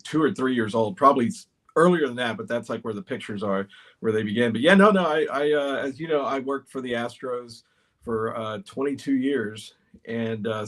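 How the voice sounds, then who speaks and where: A middle-aged man from Houston, a guest on a podcast, telling stories about his past in a relaxed, casual way with frequent restarts. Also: mid-range voice. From Houston, Texas. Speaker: podcast guest, baseball historian. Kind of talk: casual interview storytelling.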